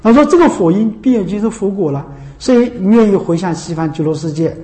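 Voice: medium pitch, lively intonation, a little fast, warm tone. A Buddhist monastic giving a dharma talk, repeating rhetorical questions, laughing now and then and chanting the Buddha's name. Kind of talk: dharma talk to a seated audience. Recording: echoey room.

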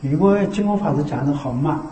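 A man giving a Buddhist dharma talk as a teacher. He keeps checking in with rhetorical tags and slows into a measured recited cadence for scripture. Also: a little high, animated, mellow. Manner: repeats the tag "是吧" as a rhetorical check. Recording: echoey room.

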